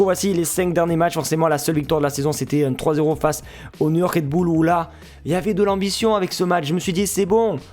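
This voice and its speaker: French-accented male vlogger, slightly high voice, joking and chatty football preview host, faint music bed. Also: darkish tone. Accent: French (France). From France. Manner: jokey, chatty, addresses viewers as friends. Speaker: football fan YouTuber and Twitch streamer. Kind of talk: casual pre-match football analysis vlog.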